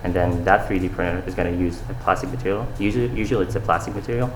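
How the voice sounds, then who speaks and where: A young man from Saudi Arabia, a fashion designer, answers interview questions casually and earnestly, with fillers and restarts. He speaks very fast in a low voice with little pitch movement, and the recording sounds roomy with background noise.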